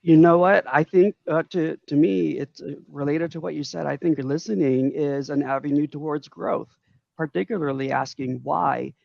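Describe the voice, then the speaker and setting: A man co-hosting a podcast speaks in halting phrases. His voice is gravelly and a touch high, and it sits dry and slightly muffled on lo-fi audio. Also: fairly even intonation, darkish tone, no room sound. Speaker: podcast co-host. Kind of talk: casual interview chat.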